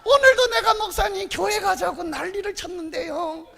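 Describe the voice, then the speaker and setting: Lady doing a loud cussing fed-up wife, super high squawky voice, gravelly, echoing hall. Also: moderate pace, heavily acted. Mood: aggrieved. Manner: loud, coarse, swearing complaints. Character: fed-up middle-aged wife griping about husband. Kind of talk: comic church skit. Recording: long hall reverb.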